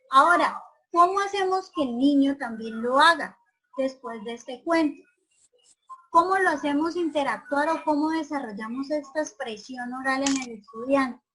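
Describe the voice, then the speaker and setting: A woman's voice: sits high, a bit bright, low-quality recording. A woman teacher giving an online class. She asks her students many questions and often checks whether they agree.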